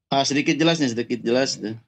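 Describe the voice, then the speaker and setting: A man's voice: medium pitch, fast talker, vocal fry. A man in his forties, a guest and former national team striker, answers hesitantly with many fillers over a remote call line that keeps breaking up. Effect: call line with dull, lo-fi sound that keeps breaking up. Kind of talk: casual interview answers.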